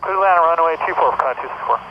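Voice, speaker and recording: A man speaking as a pilot over the aircraft radio, giving brisk, matter-of-fact readbacks. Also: fairly high pitch. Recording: muffled radio with loud noise.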